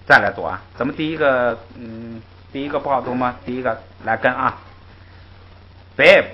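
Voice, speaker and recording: A man with a mid-range voice, speaking a little fast, teaches a language class, patiently explaining rules and modeling syllables for students to repeat. He's lively and patient, often interjecting "ai," in a classroom lecture built on call-and-repeat drills. The recording is muffled and lo-fi.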